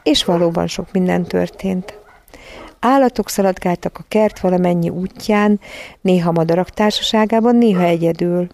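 Low, gravelly woman reading a storybook. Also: darkish tone. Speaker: audiobook narrator.

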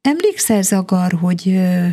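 Woman voicing a gentle, kind young girl. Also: fairly low pitch, sing-song. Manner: soft and coaxing.

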